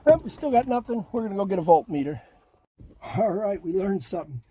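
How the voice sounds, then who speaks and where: A middle-aged man with a high, mellow voice and lively intonation talks fast in a rough recording with no room sound. As a DIY car project host, he narrates a hands-on job inside a vehicle cabin with the doors open, thinking aloud folksily, with clear background noise and handling clicks.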